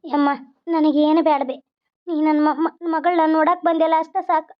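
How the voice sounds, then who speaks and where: A woman's voice: high-pitched, steady tone, moderate pace, lightly acted. A woman voicing a sad young new mother with a North Karnataka Kannada accent, speaking plaintively. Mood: tearful. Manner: plaintive, lamenting. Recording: dull lo-fi recording.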